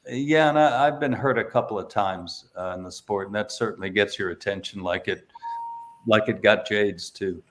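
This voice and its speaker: A man's voice: fairly low pitch, normal speed, fairly bright tone. A middle-aged man, a paramotor instructor, telling stories in a casual interview, with lots of fillers and restarts. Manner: hesitant, many fillers and restarts.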